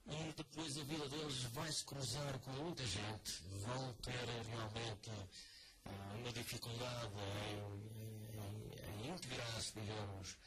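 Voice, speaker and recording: An older man with a European Portuguese accent appears as an author guest on a radio interview, heard over a noisy broadcast. His voice is medium-pitched and steady, and he speaks slowly and hesitantly, restarting his sentences many times.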